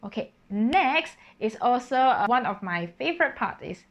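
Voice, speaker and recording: A woman's voice: on the high side, sing-song, normal speed, muffled recording. A woman, a singer-composer, casually explaining how she wrote her piece, thinking aloud and breaking into sung solfège syllables. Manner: thinking aloud with fillers and self-corrections.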